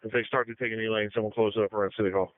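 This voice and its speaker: A man supervising police in the field, giving brisk, directive instructions over police radio. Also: on the low side, little pitch movement. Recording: tinny narrow-band police radio audio.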